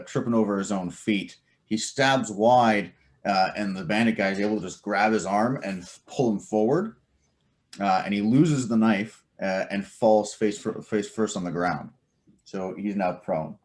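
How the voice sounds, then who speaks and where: A man narrating as game master of a tabletop game, animated and full of fillers and laughs. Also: on the low side.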